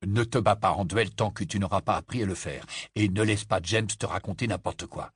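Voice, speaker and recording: A steady, gentle father in an audiobook, dropping low and soft with a husky edge, as a man voices him. The sound is close and dry. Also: fairly quick, no room sound. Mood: reassuring. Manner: gentle, firm, reassuring. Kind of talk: audiobook character voice.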